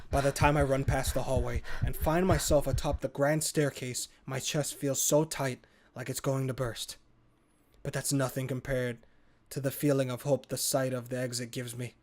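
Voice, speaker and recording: Reading a horror visual novel aloud for a gaming video, this man uses a medium-pitched voice at a moderate pace. His delivery is dramatic and expressive, mixed with casual commentary, with game music behind him.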